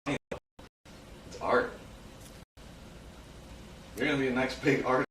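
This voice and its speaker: A man's voice: medium pitch, fairly even intonation, slow, fairly bright tone, roomy sound, recorded from a distance, a little hiss or hum, rough recording. A man streaming, teasing a friend in casual, playful chat.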